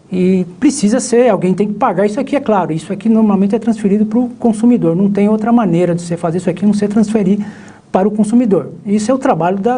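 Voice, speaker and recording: Rambling Brazilian professor, mellow voice. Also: male voice, high-pitched, husky. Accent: Brazilian Portuguese. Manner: rambling, many restarts and fillers. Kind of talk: live online lecture chat.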